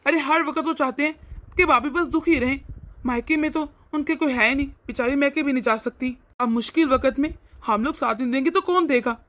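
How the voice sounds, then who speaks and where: A woman's voice: high-pitched, a little fast, fairly bright tone. A woman voicing an earnest young husband who patiently reasons and sounds exasperated in a cartoon story. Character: earnest young husband, loyal to his family.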